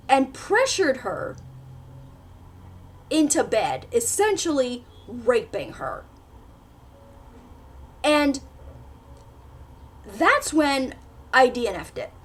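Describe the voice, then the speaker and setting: A woman book vlogger in casual chat, retelling a plot animatedly with lots of fillers. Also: sits high.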